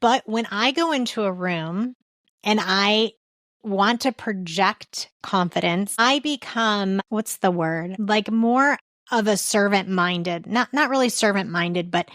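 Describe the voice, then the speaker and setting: A woman's voice: medium pitch, takes it slowly, fairly bright tone, no room sound, studio quality. A woman hosting a podcast interview who talks in a chatty way and stops to search for her words. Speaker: podcast host.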